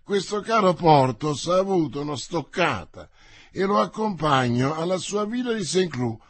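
A bold young musketeer with a quick, mocking wit, as a man reading the book puts him on. The voice is husky and a little raised. It sounds dry and close, like an audiobook recorded for radio. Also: on the high side, lively intonation, dry recording, pitched above the performer's own voice. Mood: wry.

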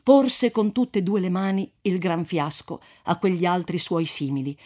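An audiobook reader narrates a classic novel at medium pitch, in a measured and expressive literary style.

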